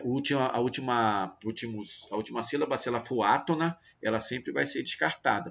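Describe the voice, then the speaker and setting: A man gives a literature review lesson with a gravelly, creaky voice. He speaks directly to his students and slows down to count syllables one by one. The recording is dull and lo-fi. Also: medium pitch, fairly bright tone. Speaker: teacher. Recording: dull lo-fi audio.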